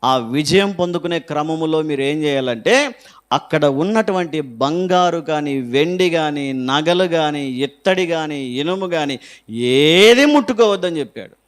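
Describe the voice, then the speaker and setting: A man's voice: a little high, expressive, measured pace, smooth. A man preaching a Sunday sermon as pastor, quizzing the congregation and asking members to read verses aloud.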